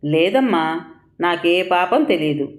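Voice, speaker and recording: A woman's voice: fairly low pitch, expressive, slow pace. A woman voicing a meek, pleading young wife. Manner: soft, pleading, timid.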